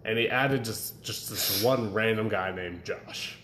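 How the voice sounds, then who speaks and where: Low-voiced young man, rambling chat. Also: measured pace. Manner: rambling, laughs often, animated storytelling. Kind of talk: casual chat. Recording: echoey room with faint ambient noise.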